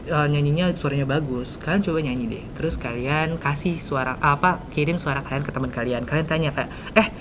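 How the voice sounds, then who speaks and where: A teenage young woman with a Jakarta Indonesian accent hosts a casual podcast chat in informal youth slang. She talks a little fast with few pauses, over rumbly background noise.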